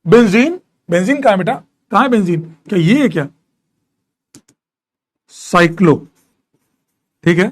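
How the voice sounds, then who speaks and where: Blending English into Hindi, a chemistry teacher leads a live class, counts out atom numbers, and answers questions he reads from students, teasing and playfully scolding them along the way. He speaks a little slowly with long pauses, in a high voice with lively intonation.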